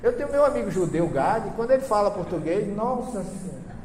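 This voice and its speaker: A man's voice: high voice, very animated, brisk. A man with a Northeastern Brazilian accent giving a seminar talk, telling stories with humor and asking his audience questions. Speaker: seminar lecturer on Bible translations. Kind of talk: lively seminar talk with anecdotes. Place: lecture hall before an audience. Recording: echoey hall with long reverb, faint hiss.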